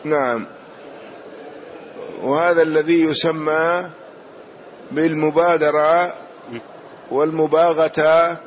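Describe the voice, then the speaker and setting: A man teaching a hadith lesson, explaining each point in a measured way and often pausing on "na'am". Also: on the high side, level tone, slight background noise. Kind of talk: slow explanatory lesson commentary. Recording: dull lo-fi recording.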